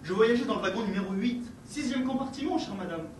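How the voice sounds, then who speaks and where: A man's voice: high-pitched, lively intonation, fast, far from the mic. A man acting a stiff, courteous English husband who speaks in a courtly, fussily exact way, in an amateur stage play. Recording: echoey stage from afar, noisy.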